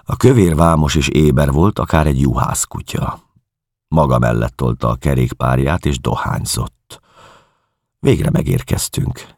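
Deep gravelly man reading a novel. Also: a little mellow, no room sound, clean studio sound. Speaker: audiobook narrator.

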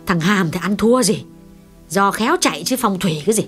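A man doing an official's gentle, fretful wife. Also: lively intonation, a little fast, soft background music. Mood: resigned. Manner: soft pleading falsetto. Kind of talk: audiobook character voice.

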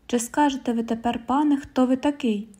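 A woman voicing a stern middle-aged male police commissioner, questioning in a formal, measured way. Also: sits high, steady tone, mellow, slightly rough.

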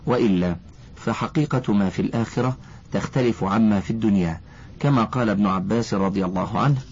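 A man reads aloud as an audiobook narrator, at a steady, measured pace with formal classical delivery. His voice sits on the lower side and sounds mellow and dark. The recording is dull and lo-fi. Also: breathy edge. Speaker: audiobook reader.

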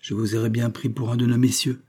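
A man's voice: medium pitch, flat delivery, fast, mellow, husky, close to an everyday voice. A man reading the part of an older, kind peasant mother who talks in plain, earnest country speech.

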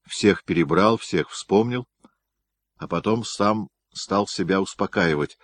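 A man narrating an audiobook in an expressive storytelling manner. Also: low voice, takes it slowly, no echo. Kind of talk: scripted narration.

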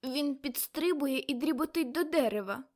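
A woman reading an audiobook, voicing an elderly great-aunt who sees visions in a trance, her voice raised high and loud. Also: unhurried. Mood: entranced. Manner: dreamy, then shrill and frightened.

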